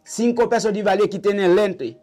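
An older man with a Haitian accent, a vodou priest telling his story in a halting, repetitive way in an interview. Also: sits high, darkish tone, soft background music. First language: Haitian Creole. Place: small indoor shrine room.

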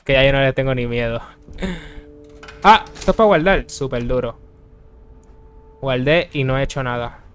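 A man commentating his own horror gameplay for his channel, talking straight to his viewers. He is excitable and quick to break into yelps and shouts. He is recorded close on a desk microphone. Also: medium pitch, a little hiss or hum. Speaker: gaming channel host. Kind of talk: Let's Play commentary.

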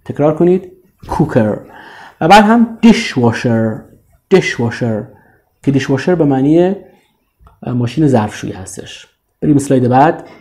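A man with a Persian accent teaches English vocabulary in a dark, mellow voice at a middle pitch. He draws each model word out slowly and lets it sink low at the end before prompting his listeners to repeat after him. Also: lively intonation. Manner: slow, drawn-out model words, often trailing off low.

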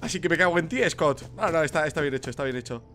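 Excitable young Spanish gamer. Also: male voice, on the high side, fast, soft background music. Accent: Castilian Spanish. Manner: excitable, swears a lot, jumpy screams. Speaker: gaming youtuber. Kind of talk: horror game let's play.

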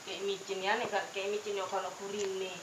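A woman's voice: mid-range voice, flat delivery, moderate pace. Mukbang vlogger: woman, mouth full, talking while chewing, heard from a distance. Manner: chatty, remarks on the food. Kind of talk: casual chat while eating. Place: small eatery. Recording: roomy, distant, loud background noise.

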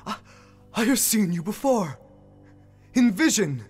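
An actor playing a devout, weary old prophet on stage, earnest and pleading with God. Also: male voice, high voice, sing-song, unhurried, husky, full character voice. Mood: awed, frightened. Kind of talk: projected stage drama acting. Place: theatre stage with cave set. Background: music.

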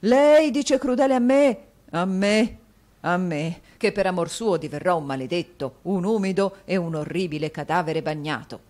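A woman's voice: fairly low pitch, moderate pace, a little mellow, lightly acted. Woman doing a dramatic whiny dandy husband, all exclaiming and wailing, audiobook. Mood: melodramatic. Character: melodramatic self-pitying husband, dandy middle-aged man.

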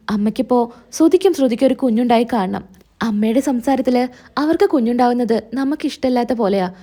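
A woman voicing a gentle young wife who speaks in a soft, pleading, hurt way in a retold serial story. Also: fairly high pitch, lightly acted.

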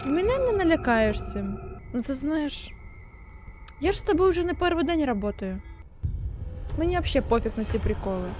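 Woman playing a game, high voice, sarcastic, swears a lot, mocking commentary. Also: sing-song, normal speed, long pauses, music in the background. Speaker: gaming streamer. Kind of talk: let's play commentary.

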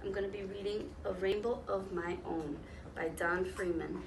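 A gravelly, steady-toned woman in her thirties with a medium pitch reads a picture book to young children, stopping to explain things and ask them questions. She volunteers as a children's story reader and sits on the floor of a small classroom. A camera a few metres away captures her, so the sound is roomy and distant, with noticeable background noise.

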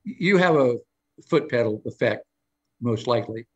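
A man's voice: medium pitch, expressive, normal speed, dull audio. An older man spins long anecdotes in a loose, rambling way, circling back and restarting as he goes. He leans into quoted lines with a lifted voice, then drops back to an easy conversational tone. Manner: acts out quoted lines in a raised voice. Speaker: guest storyteller on a live show. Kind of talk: casual live interview chat.

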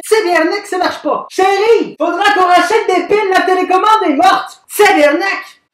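A man putting on a put-on Québécois accent as a greedy, excitable young Canadian guy in a comic food-tasting vlog, loud and theatrical. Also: very high voice, normal speed, voice pushed up. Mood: gleeful. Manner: loud, theatrical, shrieking exclamations. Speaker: YouTuber doing food challenges. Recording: echoey room, faint background music.

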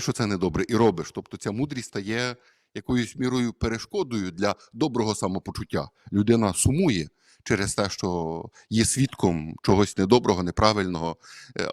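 Man, priest. Homily delivered as casual talk, lots of "uh"s, low voice. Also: no room sound, clean studio sound. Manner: conversational, hesitant with many fillers.

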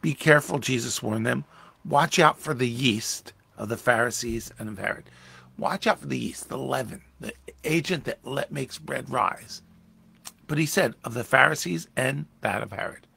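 A man pastor teaching a Bible study in a conversational, animated way, raising his voice when acting out quoted lines. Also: mid-range voice, normal speed, gravelly, husky.

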